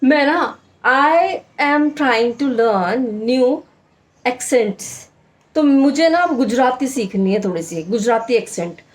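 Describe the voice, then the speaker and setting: On poor audio, a slightly high female voice speaks Hindi carrying a mild Hadoti Rajasthani tone. She's a homemaker in her thirties from the Hadoti region, casually talking through a daily vlog and saying phrases again for emphasis.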